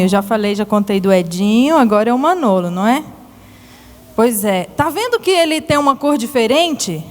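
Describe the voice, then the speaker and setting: Animated woman telling children a story. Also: high voice, long reverb tail. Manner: animated, asks children many questions. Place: church hall.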